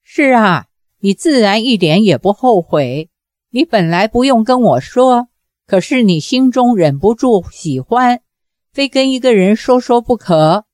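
A woman's voice: a little high, expressive, a little slow, a little mellow, no echo, clean studio sound. A woman voicing a jealous male Taoist who taunts his fellow monk in a cold, stiff, mocking way. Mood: cold, taunting.

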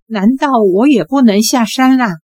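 A woman's voice: fairly high pitch, moderate pace, dark tone, no room sound, lightly acted. A woman voicing a cheeky, glib teenage boy in an audiobook, in a playful, wheedling manner. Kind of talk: audiobook character voice.

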